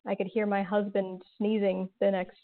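A woman guest, a podcast creator and writer, talks casually in an interview with a mid-range voice that moves little in pitch, at normal speed. Her chatty, sarcastic talk is loaded with "like" and "um," and the line sounds tinny, like a phone.

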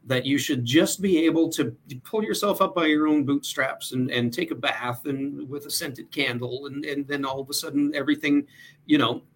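A man's voice: fairly high pitch, steady tone, moderate pace. A man speaking as a mental health guest in a casual interview, earnest and thoughtful, with frequent fillers.

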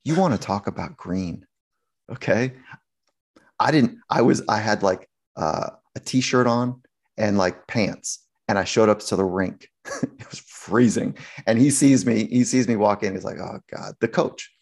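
A man's voice: lowish voice, measured pace. A man, a sports psychologist, telling a story in a casual interview, acting out quotes with lots of restarts. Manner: animated storyteller, acts out quotes, many restarts.

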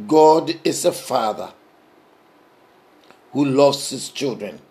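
A man preaching a sermon, emphatic and repetitive, swinging between raised passages and soft, intimate ones. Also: medium pitch, animated, takes it slowly.

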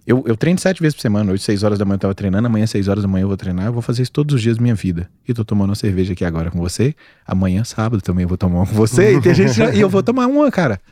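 A man's voice: fairly low pitch, racing, few pauses, no echo, studio quality. A man in his forties with a Brazilian Portuguese accent, a doctor chatting casually and telling stories with slangy emphasis. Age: 40s. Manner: animated storyteller, slangy and emphatic. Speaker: doctor guest. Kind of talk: casual podcast chat.

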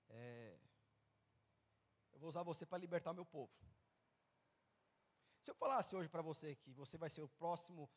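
A male pastor preaching at a youth event. He acts out the dialogue of Bible figures and of his listeners, building to loud, fervent passages. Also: a little high, husky, big-room sound. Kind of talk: sermon. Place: large church hall or event venue.

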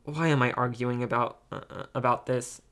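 A dry, sarcastic teenage brother, read by a man in a storybook reading. He sounds worn out and exasperated, with a flat, put-upon delivery. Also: mid-range voice, moderate pace, natural voice.

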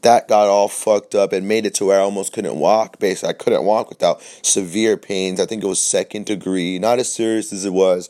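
A young man rambles casually on his own solo podcast, loose and profane, his voice scratchy from a sore throat and full of fillers and restarts. The voice is low and mellow, fairly even in intonation, and fairly quick with hardly any pauses.

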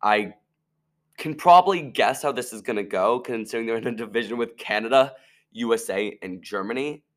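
A man's voice: medium pitch, fairly quick. Young guy on a podcast, medium voice, just chatting news casually. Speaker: podcast co-host. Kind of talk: casual chat.

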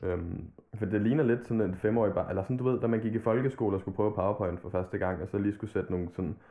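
A man's voice: on the low side, steady tone. A man chatting casually on a podcast, rambling loosely and swearing freely. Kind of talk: casual chat about hip-hop. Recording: tinny phone-like line.

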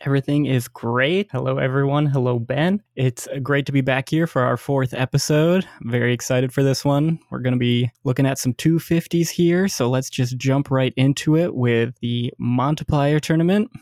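An American man co-hosting a casual sports podcast, easygoing, laughing often, and trailing off softly. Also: mid-range voice, moderate pace, few pauses, dry recording, clean studio sound. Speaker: podcast co-host.

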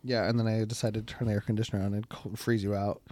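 Low-voiced woman in her thirties, joking. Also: level tone, quick pace, dark tone, no echo. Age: 30s. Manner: joking, teasing, laughs often. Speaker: podcast guest. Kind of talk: casual chat.

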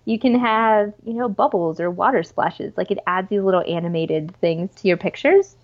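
A woman with a mid-range voice chats casually as a podcast guest at a moderate pace, sounding informal and enthusiastic and using lots of "like" and "you know." The interview conversation has lo-fi sound quality.

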